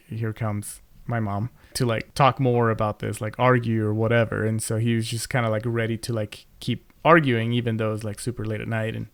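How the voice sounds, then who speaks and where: A man's voice: medium pitch, no room sound. A young man co-hosting a podcast, telling a family story in casual chat, rambling with many fillers and restarts into a close mic. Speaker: podcast co-host.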